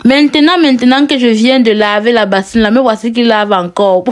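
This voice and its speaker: A woman's voice: on the high side, normal speed. A woman from Cameroon with a strong Cameroonian French accent, chatting to viewers as she cooks, asking them questions and laughing often. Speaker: cooking vlogger. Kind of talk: casual cooking vlog.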